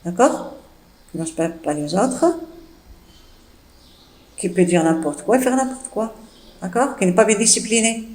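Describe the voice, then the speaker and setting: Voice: mid-range voice, animated, unhurried, pauses often, darkish tone. A French teacher patiently explaining a text and its old words to pupils, often checking they follow. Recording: echoey room.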